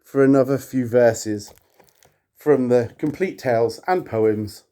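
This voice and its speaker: Warm and mid-range, this man's voice carries a theatrical reading of verse, slow and dramatic, in a video he hosts himself. He chats along wryly and playfully, often poking fun at himself.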